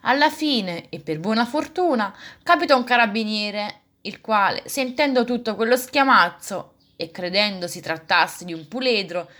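A woman reading a children's classic aloud, with expressive, lively phrasing. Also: mid-range voice, normal speed, few pauses. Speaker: reader. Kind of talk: storybook reading.

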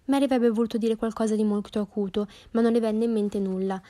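A woman narrating a classic novel as an audiobook, reading calmly and evenly. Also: on the high side, fast.

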